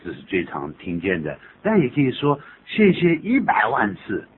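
A man's voice: medium pitch, normal speed. A man hosting a radio English lesson, explaining phrases in a chatty, joking way. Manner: jokey, animated, laughs at his own examples. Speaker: English teacher and radio host. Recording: tinny phone-like radio audio with faint hiss.

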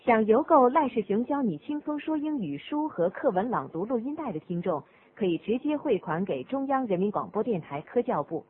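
A woman's voice: fairly high pitch, sing-song, a little fast, few pauses, a little hiss or hum. A woman reading a formal radio announcement. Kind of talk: scripted announcement. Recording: tinny lo-fi radio broadcast.

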